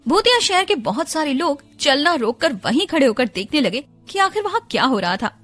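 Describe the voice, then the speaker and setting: A woman radio jockey narrating an audiobook series in an expressive storytelling style. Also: high-pitched.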